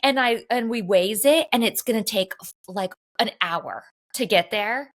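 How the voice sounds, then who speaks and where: A woman with a mid-range voice talks at a measured pace, co-hosting a podcast from a home in the Los Angeles area. She tells a rambling, chatty story in casual conversation, leaning heavily on "like" as filler.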